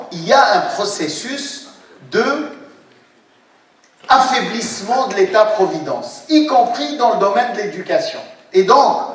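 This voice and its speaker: A man in his sixties giving a university lecture, hesitant, with many fillers and restarts as he explains. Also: sits high. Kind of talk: academic conference lecture. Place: lecture hall, indoors. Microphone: distant room mic. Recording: very echoey hall from far off, faint noise.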